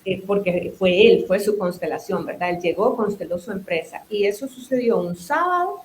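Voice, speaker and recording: A woman's voice: mid-range voice, expressive, moderate pace, reverberant, slight background noise. A woman from Nicaragua, a business owner and psychotherapist, chatting as a guest in an interview and explaining at length with asides. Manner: talkative, explains with restarts and asides. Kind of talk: interview conversation.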